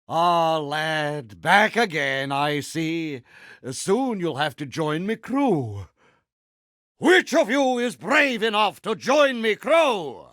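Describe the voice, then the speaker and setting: A villainous, self-adoring male pirate captain from a video game. His voice is high and wildly swooping, taken at a slow, savouring pace. He mixes mock-genteel grandeur with salty pirate slang, all very theatrical. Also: pushed and bright, dry recording, studio quality, heavily acted. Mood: pompous, scheming.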